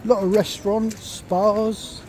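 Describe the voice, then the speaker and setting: Strolling outdoors on a rainy pedestrian shopping street, a male travel vlogger gives loose, fragmented observations as he walks. His voice sits high, with a level, darkish tone and a slightly slow pace, and chatter from passers-by fills the background.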